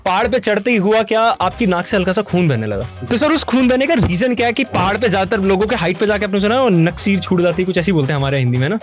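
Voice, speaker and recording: High-pitched jokey male quizmaster. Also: animated, fast, hardly any pauses, faint music behind. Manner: jokey quizzer, walks through examples step by step. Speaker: physics teacher. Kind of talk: playful quiz banter.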